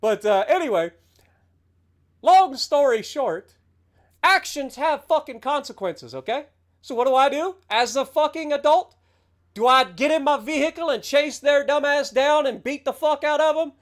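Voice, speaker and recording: A game streamer in his late thirties goes on a heated, sarcastic rant packed with profanity during his livestream. His voice is very high and expressive, and he speaks at a normal speed.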